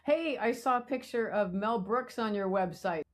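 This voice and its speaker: A woman hosting an interview, encouraging her guest and quick to laugh and agree. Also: medium pitch. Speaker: podcast host. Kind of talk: casual interview conversation.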